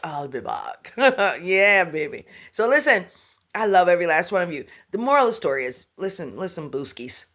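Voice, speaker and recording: This spiritual teacher's lowish, slightly bright voice is very animated and moves at a normal speed. Chatting casually with her viewers, she laughs frequently, hums and scats between ideas, repeats and restarts words, and uses pet names for them.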